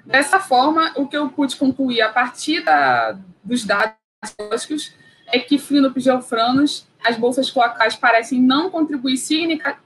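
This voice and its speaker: A woman's voice: sits high, fairly bright tone, slight background noise, rough recording. A woman from Brazil giving an academic biology lecture, hesitant, with many fillers and restarts.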